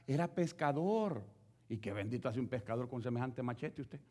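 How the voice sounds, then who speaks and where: A man preaches a sermon in an animated way, addressing his listeners directly and posing rhetorical questions. His voice is medium-pitched and his speed normal.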